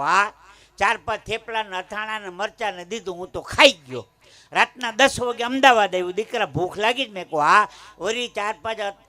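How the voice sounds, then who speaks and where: A man's voice: sits high, pushed and bright. A man from Saurashtra with a Kathiawadi accent, telling folk jokes and stories live on a village stage, punching his lines and acting out the quoted voices. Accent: Kathiawadi Gujarati. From Saurashtra, Gujarat. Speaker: folk storyteller and humorist. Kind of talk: live folk comedy storytelling.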